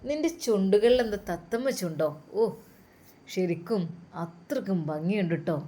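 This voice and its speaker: A woman's voice: medium pitch, expressive, normal speed, dark tone, lightly acted. A woman voicing a drunken, lecherous male boss who leers and coaxes with slurred speech. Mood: leering. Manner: slurred, leering, coaxing.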